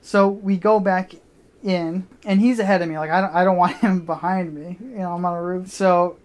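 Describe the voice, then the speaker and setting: A woman telling a comedic personal story on stage, animated and profane, with many restarts and acted-out asides. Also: fairly low pitch, normal speed.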